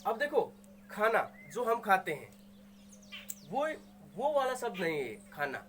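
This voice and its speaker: A man teaches a grammar lesson at an unhurried, deliberate pace, sounding each word out and saying it again. He poses questions and answers them himself. A faint hiss of background noise and some birdsong sit behind his voice. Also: high voice, very animated, a bit bright. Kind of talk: explaining Hindi grammar to students.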